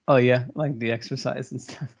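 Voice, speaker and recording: A man's voice: mid-range voice, steady tone, brisk, gravelly, a little mellow, no echo. A man co-hosting a podcast in casual chat, rambling with fillers and laughing often. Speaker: podcast co-host.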